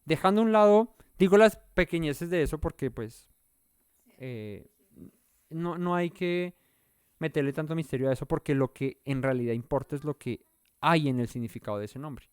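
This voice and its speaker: A man's voice: on the high side, normal speed, smooth, no room sound. A man leading an interactive Bible study, talking in a conversational way and often asking the listeners questions. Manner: conversational, thinks aloud.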